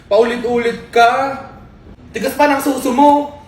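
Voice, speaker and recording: A woman's voice: on the high side, fairly even intonation, a little slow, a little mellow. Irritated scolding woman, echoey room. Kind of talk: casual banter. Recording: roomy echo.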